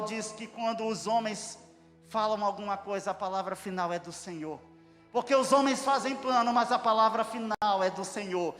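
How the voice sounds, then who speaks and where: A man preaching an impassioned sermon, bursting into shouted praise. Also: extremely high pitch. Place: church hall. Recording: echoey church hall with music.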